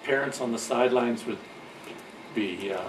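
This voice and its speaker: An older father tells stories from his life in a loose, rambling manner, often restarting sentences and chuckling, and grows loud and lively on the funny parts. His voice is medium-pitched at normal speed, and he sounds far from the mic in an echoey room with steady background noise.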